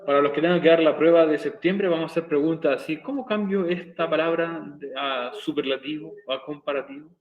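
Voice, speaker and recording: Man, teacher, slightly high voice, slow repetitive explaining, echoey room. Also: narrow, tinny audio. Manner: slow, repeating explanations step by step. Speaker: English teacher. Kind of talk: recorded video lesson.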